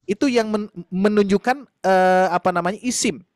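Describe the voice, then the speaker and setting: High-voiced man teaching a class. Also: no room sound, clean studio sound. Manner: explains slowly with many fillers, addresses students directly. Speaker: Quran recitation teacher. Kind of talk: online tahsin class lecture.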